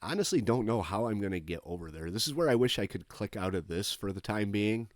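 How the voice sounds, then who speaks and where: Very low-pitched man casually commentating a game. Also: animated, fairly quick, dry recording, studio quality. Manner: low-key, thinking aloud. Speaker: gamer commentating on his own play.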